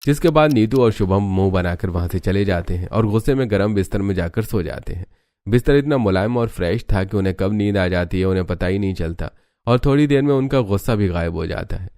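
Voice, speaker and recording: A man narrating a cartoon moral story in a steady, matter-of-fact way. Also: sits low, brisk, no echo, studio quality.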